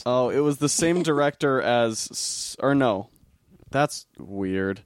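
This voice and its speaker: A man's voice: medium pitch, expressive, takes it slowly, no room sound. A man co-hosting a podcast, rambling through casual chat and looking up movie facts. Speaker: podcast co-host.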